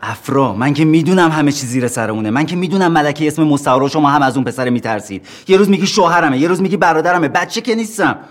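An actor playing a controlling young man who speaks calmly and soothingly, with a needling edge. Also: lowish voice, husky.

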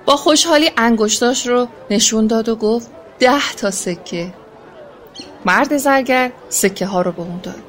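A woman narrating a children's story in a gentle, expressive reading voice. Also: fairly high pitch, hardly any pauses. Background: faint music.

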